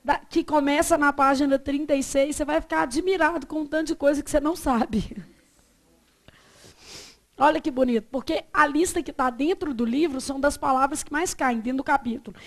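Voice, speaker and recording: High-voiced Brazilian teacher, lively questions. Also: female voice. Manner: lively, asks the class questions and answers them herself; stretches words out slowly to model pronunciation. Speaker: Portuguese teacher. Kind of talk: classroom lecture.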